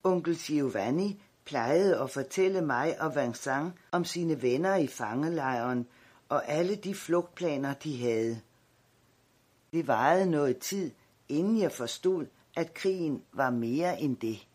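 Thoughtful teenage boy in an audiobook, as a husky male narrator voices him. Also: fairly high pitch, lively intonation, a little mellow. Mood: earnest. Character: fifteen-year-old boy, brooding.

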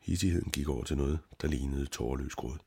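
Very deep, husky male storyteller. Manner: steady storytelling reading. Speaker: narrator. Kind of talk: scripted audiobook narration.

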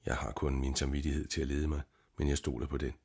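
Man reading young male scholar, gentle, steady, reasoning, very deep, husky, audiobook. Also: full character voice. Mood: calm.

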